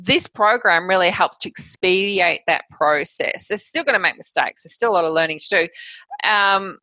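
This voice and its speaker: A woman in a casual interview, talking about her coaching business in a brisk, practical way and laughing easily. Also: on the low side, pushed and bright, no echo, poor audio. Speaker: guest, health coach.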